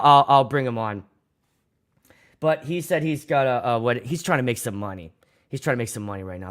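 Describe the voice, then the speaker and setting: A fairly high, fairly bright male voice belongs to a young livestream host and DJ from Pittsburgh, USA. His Pittsburgh accent comes through as he rambles casually, swears freely and restarts what he's saying.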